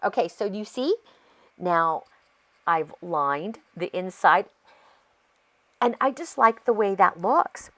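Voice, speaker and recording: An American woman hosting a craft video talks casually through the process, her voice congested and sore-throated. Her pitch sits in the middle and moves in a lively way, her pace is slow with long pauses, and the tone is a touch bright. She's chatty and rambling, easily pulled off on tangents.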